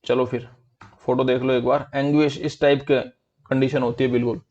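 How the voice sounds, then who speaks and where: A man's voice: medium pitch, flat delivery, moderate pace, a little mellow. Man, online vocab teacher, chatty and friendly, mixes Hindi and English, muffled recording. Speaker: exam prep teacher.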